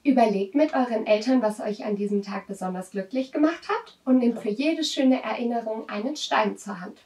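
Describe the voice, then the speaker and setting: A woman hosting a children's show, gently and encouragingly explaining crafts and rituals directly to children. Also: fairly high pitch, normal speed, a little hiss or hum. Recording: roomy, distant microphone.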